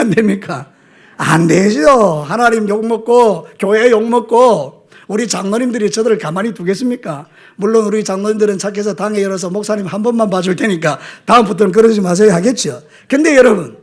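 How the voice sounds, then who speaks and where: A middle-aged male pastor delivering a Sunday sermon, often asking the congregation questions and switching between loud calls and low, stressed words. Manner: preaching with call-and-response questions to the congregation. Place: church sanctuary.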